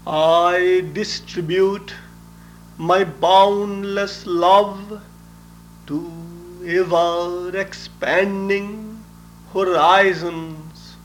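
Very slow, high-voiced man reciting devotionally. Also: fairly even intonation, soft background music. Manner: solemn, measured, deliberate recitation. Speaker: spiritual teacher.

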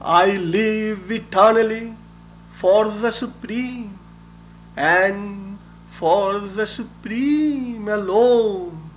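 A man speaking as a spiritual teacher, delivering a solemn, measured devotional message. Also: high-pitched, a little hiss or hum. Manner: solemn, measured, deliberate recitation.

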